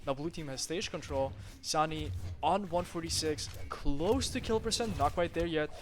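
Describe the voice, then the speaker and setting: A man with a fairly high voice casts a live online game tournament, calling the play-by-play at a rapid, excitable clip. He uses lots of fillers and casual swearing. Between matches he chats loosely with the stream chat.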